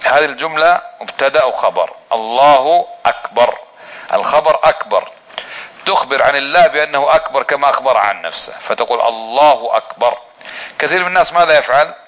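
A man teaching a religious lesson on prayer, asking his listeners questions and answering them himself, and slowly drawing out the phrases he demonstrates. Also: medium pitch, lively intonation, fairly bright tone, rough recording. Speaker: Islamic teacher.

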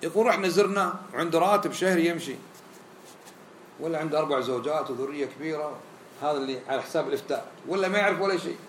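A man preaches, talking fast and with a fairly high voice. He acts out the people he quotes. The room gives his voice an echo, with faint sound behind it. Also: a bit bright, a little hiss or hum. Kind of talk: sermon. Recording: roomy echo, faint ambience.

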